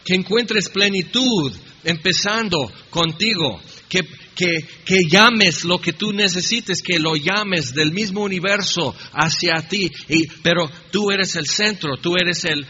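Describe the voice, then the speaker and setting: A man preaches in a loose, conversational way and slips in humorous asides. His voice sits high and sounds bright and forceful. The recording is a little dull and carries a long, echoing reverb from a church hall, with a faint hiss underneath. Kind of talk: sermon.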